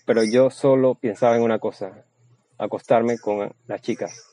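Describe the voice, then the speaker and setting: A man's voice: medium pitch, steady tone, normal speed, warm tone, rough recording. A man giving a blunt, crude and boastful seminar talk as a Spanish voice-over, often restarting his phrases. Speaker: seminar speaker.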